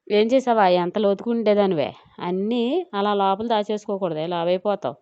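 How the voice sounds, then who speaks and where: A woman's voice: medium pitch, normal speed, mellow, smooth, dry recording, natural voice. A woman voicing a young husband who jokes and teases sarcastically in an audio story, on a slightly dull recording. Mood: teasing. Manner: sarcastic, teasing.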